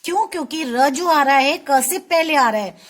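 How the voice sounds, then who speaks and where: A woman teacher giving a spelling lesson to young children, patiently stretching out each syllable and repeating words for them to say back. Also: high voice. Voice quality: slow, drawn-out syllable-by-syllable pronunciation.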